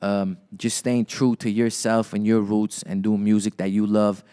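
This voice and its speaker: Low, smooth-voiced young rapper. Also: male voice, level tone, moderate pace, dark tone. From Los Angeles area, Armenian heritage. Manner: laid-back hip-hop slang, repeats words as he thinks. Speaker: rapper, interview guest. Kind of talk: casual interview talk.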